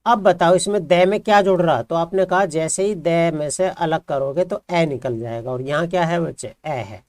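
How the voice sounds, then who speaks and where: A man's voice: on the high side, normal speed, darkish tone, dry recording. A man teaching a grammar lesson who explains patiently and keeps asking his students questions, then answering them himself. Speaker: Hindi teacher.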